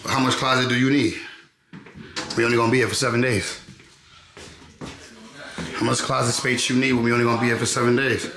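This twenty-something vlogger has a medium-pitched, flat voice, talks a little fast, and leaves long pauses, with a crowd audible behind him. Touring a rental apartment indoors and then on the roof, he stays laid-back and slangy, repeating phrases and often asking "you know what I'm saying." The close handheld camera records echoey rooms with clear background noise.

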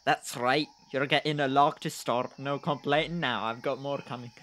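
A man's voice: mid-range voice, steady tone, moderate pace, fairly bright tone, a little hiss or hum, natural voice. Man putting on a grumbling burly mason. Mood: gruff. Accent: made-up accent.

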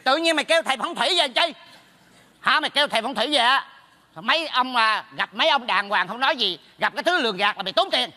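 A meddling neighbor teases and mocks in quick bursts with a Southern Vietnamese accent. His voice sits high and sounds bright. He keeps up a stage comedy sketch's brisk banter. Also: animated, long reverb tail, full character voice. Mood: mocking. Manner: quick, mocking teasing. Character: meddling, teasing male neighbor.

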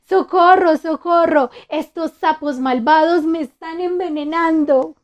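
A woman voicing a big scary monster in a children's story, roaring and crying out loudly. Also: fairly high pitch, slow pace, highs cut off. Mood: panicked. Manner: roaring, loud cries for help. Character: big scary monster, boastful then panicky.

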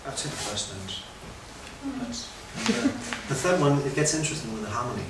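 A man's voice: mid-range voice, big pitch swings, fairly quick, background noise. A young man, a flute student, giving short hesitant answers to his teacher. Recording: distant voice in a very echoey hall.

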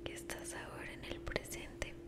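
A woman in a whispered role-play, guiding the listener in a soothing, encouraging ASMR manner with affectionate, caring wording. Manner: soothing, encouraging, slow, uses affectionate diminutives.

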